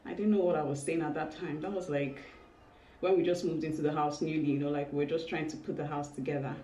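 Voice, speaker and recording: A woman in her thirties talking casually and confessionally to vlog viewers, candid and emotional, with halting speech and small exclamations. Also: deep voice, steady tone, warm tone. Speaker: vlogger. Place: indoors in a home room. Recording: roomy, distant mic, faint noise.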